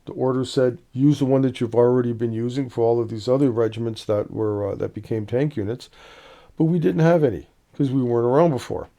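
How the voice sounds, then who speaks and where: Hesitant man with a very dark voice. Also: mid-range voice, fairly quick. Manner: relaxed, hesitant, many "uh" fillers. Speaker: badge collector presenting a video series. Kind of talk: casual show-and-tell explanation.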